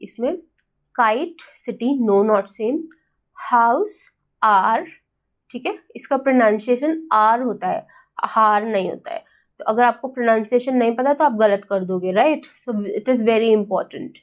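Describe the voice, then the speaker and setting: Slow-paced Indian woman teacher, lo-fi. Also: a little high. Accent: Indian English. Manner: slow, deliberate, checks understanding with "right?" and "got it?". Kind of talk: exam-prep lesson mixing Hindi and English.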